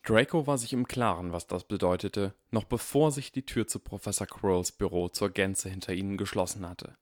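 A man giving a measured, expressive scripted narration of a story. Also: deep voice, no echo, studio quality. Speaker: audiobook narrator.

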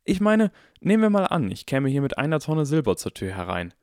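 A man voicing an eager, clever boy of about eleven in an audiobook, asking quick, earnest questions. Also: fairly high pitch, big pitch swings, a little mellow, no room sound, clean studio sound, voice pushed up. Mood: inquisitive. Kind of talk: audiobook character voice.

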